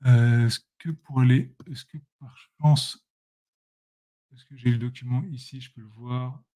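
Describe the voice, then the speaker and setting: A man's voice: medium pitch, fairly even intonation, measured pace, dark tone. Male presenter, casual screen-share tutorial, chatty and self-correcting, addresses viewers directly. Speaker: presenter demonstrating software.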